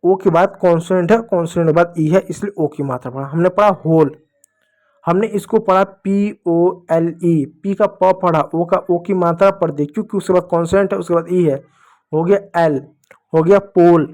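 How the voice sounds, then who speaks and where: A man's voice: sits high, normal speed, a little mellow. A man teaches English phonics to children. He keeps asking questions and then answers them himself. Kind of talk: classroom phonics lesson.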